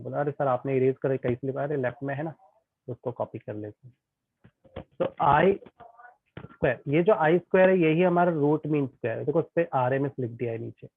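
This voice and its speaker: A male tutor teaching an online physics class, chatty and often checking that students follow. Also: medium pitch. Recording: tinny phone-like online class audio.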